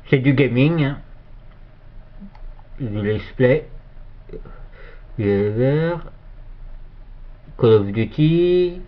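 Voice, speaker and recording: A man giving a casual, hesitant shoutout for another channel while filming his computer screen, with many fillers and restarts. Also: medium pitch. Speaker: youtuber. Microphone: phone filming a monitor. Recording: dull lo-fi phone recording.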